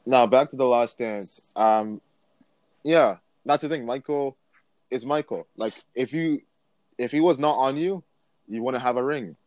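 A man's voice: mid-range voice, a little slow, darkish tone, dry recording. Emphatic young man on a podcast. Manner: emphatic, builds points in lists. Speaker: podcast co-host. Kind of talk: casual sports podcast chat.

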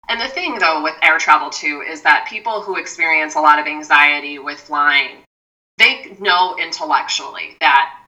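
A woman with a low voice and a sharp, bright tone, explaining things to an interviewer in a measured, step-by-step way. She often restarts her sentences. She sounds somewhat far from the mic. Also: highs cut off. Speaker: mindfulness expert guest.

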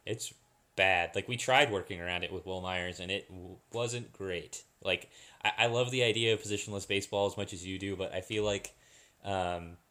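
Male podcast co-host, deep low voice, halting and chatty, repeats words. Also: fairly even intonation, sharp tone. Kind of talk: casual sports chat.

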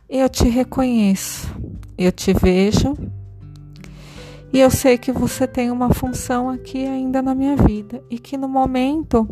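Slow, soothing woman guiding a meditation. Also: fairly high pitch. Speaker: meditation guide. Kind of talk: guided meditation. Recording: soft music behind.

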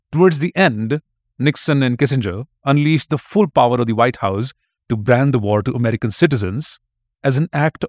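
A man's voice: mid-range voice, no room sound, clean studio sound. A man giving scripted narration as a history podcast narrator, reading out quotes in a storytelling tone.

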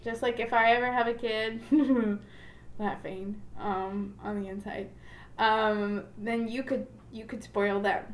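A woman's voice: mid-range voice, fairly even intonation, takes it slowly, echoey room. A woman from Florida chatting casually as a host, rambling with lots of fillers and restarts. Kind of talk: casual chat.

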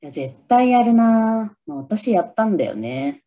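With a very animated yet slightly slow delivery, a Japanese woman hosts her solo podcast about a beloved film. Her mid-range voice is mellow, her manner upbeat and chatty, and she sometimes tries English lines aloud.

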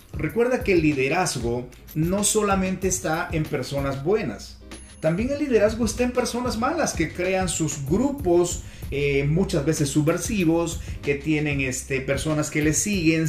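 Peruvian-born man with roomy echo. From Peru. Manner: warm greetings, sweeping pitch emphasis on lists of address. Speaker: podcast host and communication coach. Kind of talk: motivational audio course narration. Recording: roomy echo with faint music.

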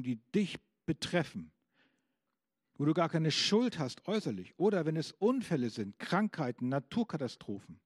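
A man's voice: fairly high pitch, a little mellow, dry recording, studio quality. A man preaching a sermon, asking the congregation questions and reading out scripture with emphasis.

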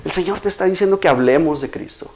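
A man preaching a sermon, his voice sitting a little higher than most men's. He speaks in an earnest, exhorting way, pushing some phrases faster and drawing others out for weight. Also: darkish tone. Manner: earnest, exhorting, varies pace and emphasis.

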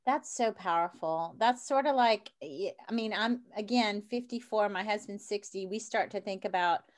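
A woman's voice: medium pitch, moderate pace. Upbeat chatty woman in her fifties. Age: 50s. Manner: chatty, laughs often, upbeat. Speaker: podcast host. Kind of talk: interview chat.

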